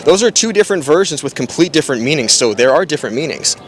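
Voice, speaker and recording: Male street preacher, fast casual delivery, argumentative, poses challenging questions in debate. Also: on the high side, expressive. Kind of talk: impromptu religious debate. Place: outdoors on an urban street.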